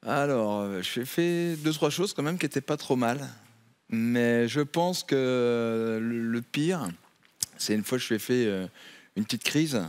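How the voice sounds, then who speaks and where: Hesitant man with a smooth voice. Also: medium pitch. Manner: hesitant, many pauses. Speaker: game show contestant. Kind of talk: hesitant answering. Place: TV studio.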